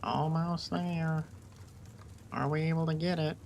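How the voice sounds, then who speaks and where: A man's voice: a little high, flat delivery, a little slow, creaky, darkish tone, slight background noise. A man streaming live from home, giving casual, hyped-up commentary on his trades. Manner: hyped, cheering the market on.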